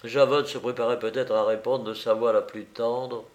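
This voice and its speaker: A man narrating a classic novel as an audiobook, reading with lively expression. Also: mid-range voice, normal speed.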